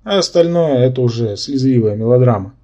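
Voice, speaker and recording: A man's voice: medium pitch, expressive, warm tone, natural voice. A man voicing a male brain-polyp symbiont who lectures and argues, in an audiobook. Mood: lecturing. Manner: lecturing, quick to take offence.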